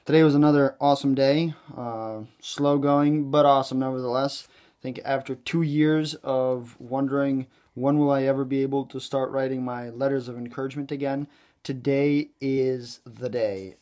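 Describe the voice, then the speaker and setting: A man's voice: mid-range voice, fairly even intonation, normal speed, darkish tone. A man vlogging who reads his own letters of encouragement aloud in an earnest, sincere way. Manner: earnest, playful, tries a mock Italian accent at first. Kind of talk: casual vlog and letter reading.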